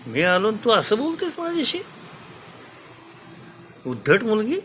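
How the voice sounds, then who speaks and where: A man's voice: medium pitch, expressive, moderate pace, sharp tone, slight background noise. A man storyteller voicing an angry, proud old king who takes offence easily and raises his voice indignantly.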